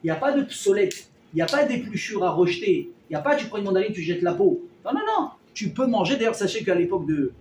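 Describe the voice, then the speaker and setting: A man teaching a lively Torah class to a live audience, acting out everyday dialogues and firing questions at his listeners. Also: high-pitched, quick pace, hardly any pauses. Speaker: rabbi teaching a weekly class. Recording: roomy hall, mic at a distance, faint noise.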